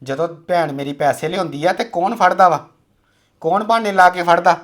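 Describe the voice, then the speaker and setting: A man's voice: sits high, normal speed, a bit bright. A man playing a stern scolding husband. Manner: scolding, accusing. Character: stern husband defending his sister. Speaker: son and husband in a family drama. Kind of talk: amateur family drama acting.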